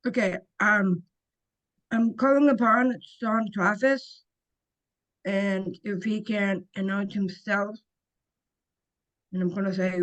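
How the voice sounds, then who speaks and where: A woman from Ontario leads a council webinar over a video call. She speaks slowly and carefully in a mid-pitched voice, reading from prepared notes. Now and then she stumbles and restarts a word. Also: fairly bright tone, rough recording. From Ontario, Canada. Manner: slow and careful, with small restarts. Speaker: webinar host, council member.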